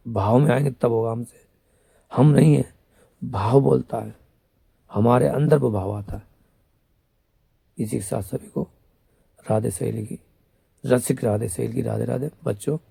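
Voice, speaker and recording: A man with a gravelly, husky voice delivers a wandering devotional talk as a spiritual guide. He calls himself a female companion of the goddess and scolds his listeners in between. The sound is dry and close. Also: medium pitch, warm tone, no echo. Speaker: devotional guru. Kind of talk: rambling devotional monologue.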